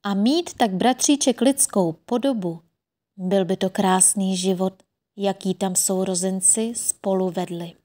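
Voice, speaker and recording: A woman's voice: mid-range voice, mellow. Woman narrating a fairy tale.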